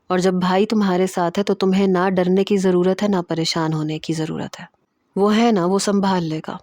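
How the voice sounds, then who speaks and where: A caring young cousin in a storybook romance, soft and reassuring, as a woman voices her. The voice is a little lower than the narration, and the recording is dry and close. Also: steady tone, no echo, close to an everyday voice. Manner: soothing, reassuring.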